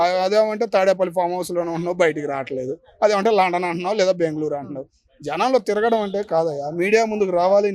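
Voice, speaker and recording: A man with an Andhra Pradesh Telugu accent speaks his mind in a public street interview. He talks quickly in a high voice. He presses his points with one rhetorical question after another. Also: darkish tone. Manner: emphatic, fires rhetorical questions. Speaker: member of the public giving opinion.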